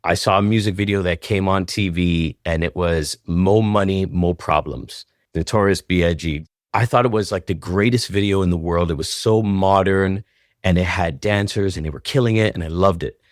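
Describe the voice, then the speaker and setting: Low-voiced man telling stories. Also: moderate pace, no echo, clean studio sound. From Toronto, Canada. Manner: animated, acts out quoted dialogue in different voices. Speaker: guest choreographer. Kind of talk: casual storytelling interview.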